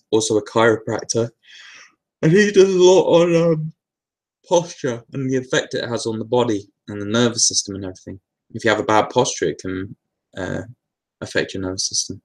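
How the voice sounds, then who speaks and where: A man with a lowish, gravelly voice, talking through viewer questions in an easygoing live Q&A. He wanders a little, restarts sentences and leans on plenty of fillers. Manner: relaxed, meandering, with many fillers and restarts. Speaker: host answering viewer questions. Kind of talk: casual live Q&A talk.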